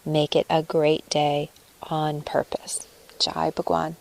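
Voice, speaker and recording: Soothing and breathy, a woman with a low voice talks the listener through a meditation in a near monotone. She takes her time, placing phrases deliberately with room to breathe; slight background noise and a rough recording come through.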